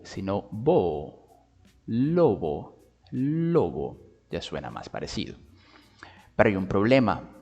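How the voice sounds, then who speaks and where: A man giving a patient video lesson on phonetics, drawing out sounds slowly to demonstrate them and often checking in with his listeners. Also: lowish voice, long reverb tail. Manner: checks in with "¿vale?" and "¿ok?". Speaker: linguistics teacher.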